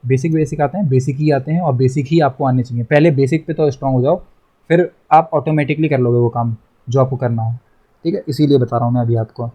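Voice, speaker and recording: A man's voice: medium pitch, fairly even intonation, quick pace, mellow. A young man teaching a math lesson online, chatty, repeating himself and teasing his students.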